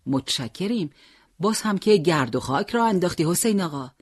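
A storyteller voicing an adult male militia leader from Tabriz who gives firm, brisk orders to his squad. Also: medium pitch, animated, slightly rough, no room sound, studio quality. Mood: approving. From Tabriz, Iran.

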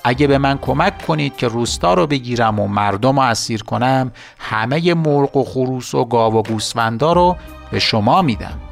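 A man's voice: mid-range voice, expressive, vocal fry, soft background music. A man voicing a bitter, jealous evil sorcerer in a storybook tale, talking in a raised, angry, whiny voice. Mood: scheming.

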